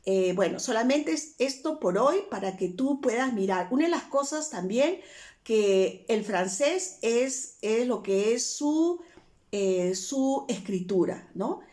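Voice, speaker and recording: A woman's voice: a little high, lively intonation, slow, a little mellow. A woman language teacher, explaining grammar patiently through many examples in a casual video lesson.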